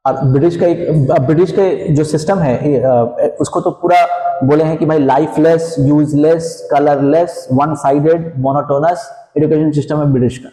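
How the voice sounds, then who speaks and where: A man's voice: a little high, dark tone. A male teacher giving a classroom lecture, mixing English terms into his explanations, asking rhetorical questions and checking in with "theek hai". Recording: echoey classroom, long reverb.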